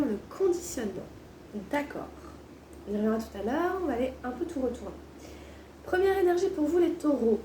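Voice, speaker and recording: Female tarot reader, soft-toned, slightly hoarse sore-throat voice with swollen tonsils, casual and hesitant, recorded roomy and distant from the mic. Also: sits high. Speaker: tarot card reader, host. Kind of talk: casual spoken tarot reading. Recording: roomy echo, distant mic, faint noise.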